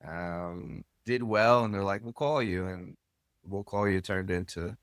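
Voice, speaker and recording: An American soccer club owner and coach, appearing as a podcast guest, tells stories candidly and colloquially, swearing now and then in a casual interview. His deep voice is unhurried and fairly bright, with a clean, studio-quality sound and no room noise.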